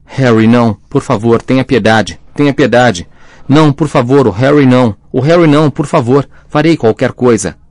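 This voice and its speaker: A man's voice: mid-range voice, moderate pace, a little mellow, dry recording, studio quality, pitched above the performer's own voice, lightly acted. A man voicing a desperate young mother who begs for her baby's life in a frantic, pleading voice.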